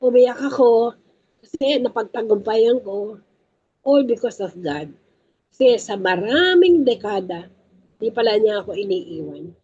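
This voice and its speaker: A woman's voice: fairly high pitch, animated, a little slow, pauses often, darkish tone, husky, lo-fi sound. A woman giving an emphatic faith talk to a prayer group, repeating her key points and speaking to the listeners as brothers and sisters. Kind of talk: Taglish faith teaching talk.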